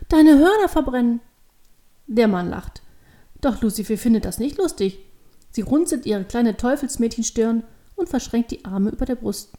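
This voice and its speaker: Woman reading a children's story aloud, measured and expressive, with a warm, mellow tone and a fairly high voice. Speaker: narrator.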